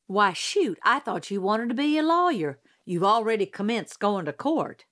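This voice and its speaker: A woman voicing a nosy, teasing Southern society lady with a bright, needling manner. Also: mid-range voice, very animated, normal speed.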